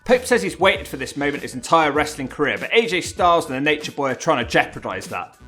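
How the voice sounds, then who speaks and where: A man's voice: on the high side, very animated, quick pace, sharp tone. A man narrating a scripted countdown commentary in a wry, informal and emphatic way. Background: background music.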